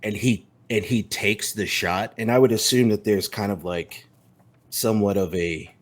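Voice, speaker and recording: A man's voice: on the low side, moderate pace. A man playing a tabletop role-playing game, casually describing what his character does while searching for words. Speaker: player.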